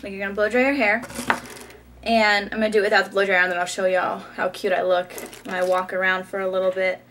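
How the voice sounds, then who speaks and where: A young woman beauty vlogger narrates a hair tutorial while styling, chatty and laughing lightly, with frequent ums. Her mid-range voice is quick with a flat delivery, captured by a camera mic in a small bedroom against a noisy background.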